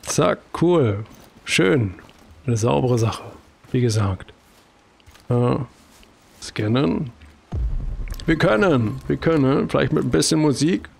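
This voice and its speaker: A man's voice: medium pitch, animated, slow pace, creaky, long pauses. A man with a German accent giving casual commentary as he plays a video game, chatty and talking to himself with jokey exclamations. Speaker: let's play host.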